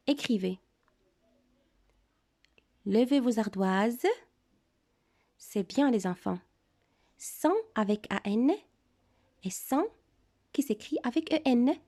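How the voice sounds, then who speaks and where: A woman giving a reading lesson to small children, her voice fairly high and full of rising and falling melody. She speaks slowly and clearly. Her tone is mellow rather than bright. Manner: slow, carefully articulated, encouraging teacher talk. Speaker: primary school teacher.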